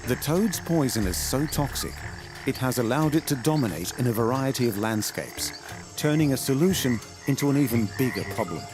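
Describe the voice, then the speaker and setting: A man narrates a nature documentary over clearly audible music. His pitch sits in a medium range but moves expressively, rising and falling to give the scripted lines a measured sense of drama. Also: lively intonation. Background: background music.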